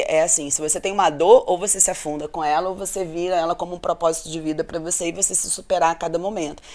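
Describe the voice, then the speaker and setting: A middle-aged woman physician talks through her story as a podcast guest. Her voice sits on the low side, and she speaks quickly and with plenty of energy. She keeps dropping a questioning "né?" at the ends of her sentences. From Brazil, Rio de Janeiro state. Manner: animated storyteller, frequent "né?" tag questions. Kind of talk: casual interview chat.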